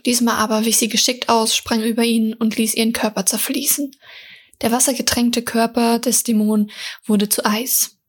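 Breathy woman reading a fantasy story. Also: fairly high pitch. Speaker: author and reader. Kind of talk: reading her own fantasy story aloud.

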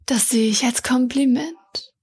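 A woman's voice: high voice, unhurried, a little mellow, husky, heavily acted. A woman reading the lines of a cruel, sadistic male water god with a gloating, cold manner.

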